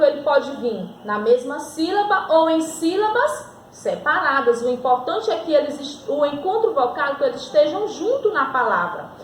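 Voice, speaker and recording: Slight background noise accompanies a woman's high-sitting voice as she teaches grammar in an echoey room. The Brazilian Portuguese-accented school teacher asks and answers her own questions in the recording and stretches out example words.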